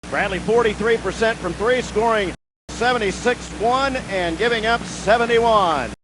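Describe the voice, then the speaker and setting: A man with a rather high voice calls college basketball play-by-play, firing off the action in quick, clipped phrases. His broadcast is thick with arena noise. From Midwest US. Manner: rapid, clipped play calling. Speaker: play-by-play announcer.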